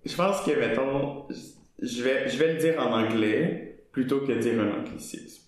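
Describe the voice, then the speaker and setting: Young Québécois man, casual guest, halting and filler-heavy, recorded in a very reverberant room. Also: medium pitch. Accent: Québécois French. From Montreal, Quebec. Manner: hesitant, filler-heavy, laughs easily. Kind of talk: casual conversation. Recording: very echoey room.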